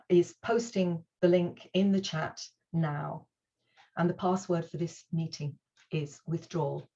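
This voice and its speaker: The conference host has a fairly low, mellow, husky voice, heard with the highs cut off. Over a video call she opens the online event in an earnest, reassuring way and introduces the first speaker.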